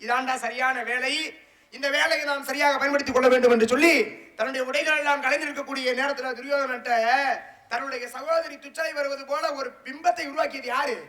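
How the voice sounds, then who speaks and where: A woman playing a bright, pushy male sage. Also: high-pitched, fairly even intonation, a little fast, roomy sound. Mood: preachy. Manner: preachy, lecturing with mythic stories. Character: scheming male wandering sage, persuasive matchmaker. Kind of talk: Tamil folk stage drama.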